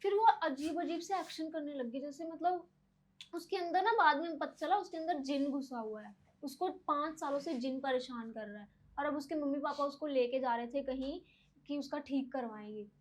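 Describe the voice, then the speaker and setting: Animated young woman telling a story. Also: high voice, normal speed, rough recording. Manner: animated, frequent filler "ना". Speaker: podcast guest. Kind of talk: casual storytelling.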